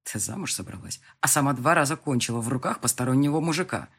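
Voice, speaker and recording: A man voicing a domineering, mocking adult man who blackmails the heroine, speaking low and slow with a husky voice in an audiobook. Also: lively intonation, a bit bright. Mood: menacing. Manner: low, slow and menacing, with taunting laughs. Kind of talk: audiobook dialogue reading.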